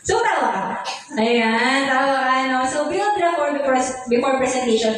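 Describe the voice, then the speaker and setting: A woman mentor with a high voice leads a seminar training, playful and teasing as she acts out examples. She sounds far from the mic, with a strong hall echo and faint background noise. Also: lively intonation, moderate pace. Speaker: business mentor.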